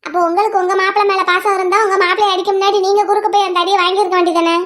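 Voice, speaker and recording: A woman voicing an outspoken young village wife in a cartoon family drama, who argues quickly and talks back to her elders. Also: very high-pitched, flat delivery, fairly bright tone. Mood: argumentative. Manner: fast, argumentative, reasoning. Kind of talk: cartoon voice acting.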